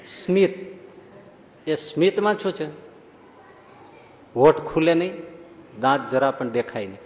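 Male preacher telling lively stories. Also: on the high side, a little slow. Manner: lively, acts out the people in his stories. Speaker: swami preacher. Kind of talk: storytelling sermon. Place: large hall at a religious school. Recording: echoey hall, faint background hum.

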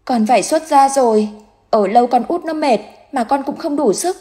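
A woman's voice: moderate pace, dark tone, lightly acted. A woman voicing the frightened, tearful spirit of a dead young boy in a spoken ghost story. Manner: high, tearful and pleading.

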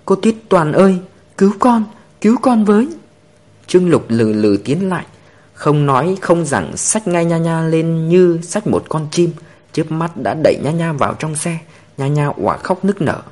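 A man narrating a story in an expressive storytelling manner. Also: on the high side, normal speed.

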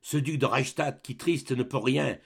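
A man reading the part of a sad, sickly young exiled prince, lower and softer, brooding through verse in a dramatic reading of a play. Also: unhurried, vocal fry, breathy edge, full character voice. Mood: wistful.

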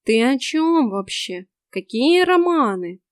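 A woman voicing a cheeky, sly male house cat in an audiobook, with a slow, smug, teasing delivery. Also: sits high, sing-song, dry recording, studio quality, pitched above the performer's own voice, full character voice. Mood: insistent.

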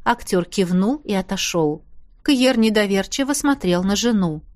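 An audiobook narrator reads a novel aloud from a script in an even, measured way. She has a medium-pitched voice, and the studio-quality recording is dry.

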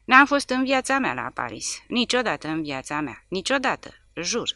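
A woman's voice: lowish voice, sing-song, pushed and bright, dry recording, heavily acted. A woman reading aloud, voicing a terrified hulking male prisoner who pleads nervously.

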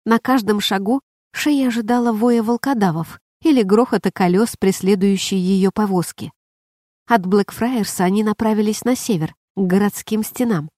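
A woman narrating an audiobook in an even, measured reading voice. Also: medium pitch, dry recording, clean studio sound. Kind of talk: scripted narration.

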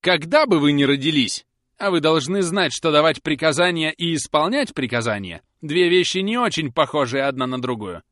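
Man putting on a shrill furious young nursemaid. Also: animated, normal speed, a bit bright, no room sound, studio quality. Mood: indignant. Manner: shrill, indignant, mocking. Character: fiery sharp-tongued young nursemaid woman.

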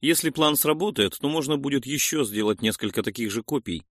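A man's voice: medium pitch, lively intonation, a little fast, a bit bright, no room sound, studio quality. A man voicing a cocky young arena hero. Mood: confident. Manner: confident, commanding. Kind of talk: audiobook reading.

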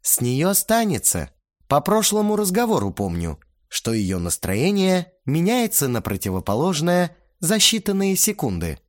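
Wry, lively male audiobook narrator. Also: a little high, normal speed, no room sound, studio quality. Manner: wry, sardonic storytelling. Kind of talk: audiobook narration in first person.

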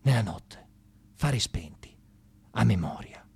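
A man's fairly low, darkish voice is expressive, creaky and edged with breath, moving at a measured pace. He's a radio monologue performer and storyteller in the studio, talking straight to listeners in an informal satirical style that's colloquial, ironic and mock-enthusiastic.

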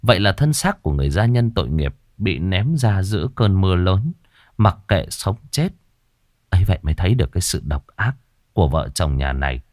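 Male audiobook narrator, low voice, lively expressive intonation, dry close sound, dramatic storytelling. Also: brisk, no echo.

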